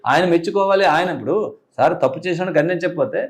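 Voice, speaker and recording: A middle-aged man, a police officer, talking earnestly in an interview and rising high in pitch when he stresses a point. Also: quick pace. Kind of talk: casual interview talk.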